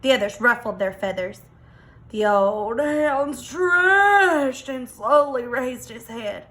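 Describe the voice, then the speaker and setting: A woman reads a picture book aloud for children. The voice is high and bright, the pace unhurried, with expressive, dramatic emphasis. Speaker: teacher reading aloud. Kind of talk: children's storybook read-aloud.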